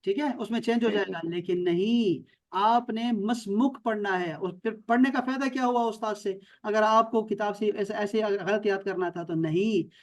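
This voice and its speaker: The speaker sits high in pitch: a man from Pakistan leading an online Arabic lesson. He explains things patiently, says words more than once, and checks that the students are following.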